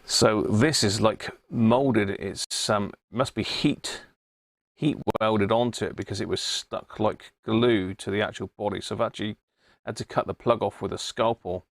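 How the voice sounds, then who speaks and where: Unhurried and steady, with a lowish voice, the middle-aged English host of a radio hobby channel chats casually on a live stream, rambling and thinking aloud through his demonstrations. The wireless body-pack microphone gives a sound with no echo.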